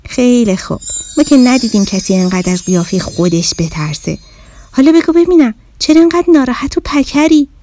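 A woman's voice: on the high side, animated, dark tone, soft background music. A woman voicing a sassy, teasing talking reflection in a magic mirror that mocks and lectures, in a storybook reading. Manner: cheeky, mocking and lecturing.

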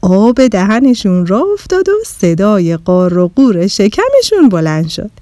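A woman narrating a children's story in an animated, expressive way. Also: medium pitch, no room sound, clean studio sound.

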